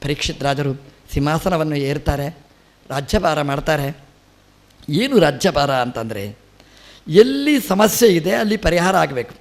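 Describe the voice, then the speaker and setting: A man's voice: on the high side, lively intonation, a little slow, pauses often. A middle-aged man, a religious teacher, giving a spiritual discourse and telling a scripture story with acted quotes and rising emphasis.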